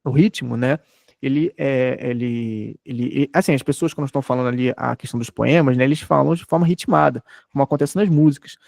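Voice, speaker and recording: Brazilian man teaching with a gravelly voice. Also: medium pitch, fairly quick, a little mellow, no room sound, studio quality. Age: 30s. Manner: explanatory, checks in often with rhetorical tags. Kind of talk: online lecture.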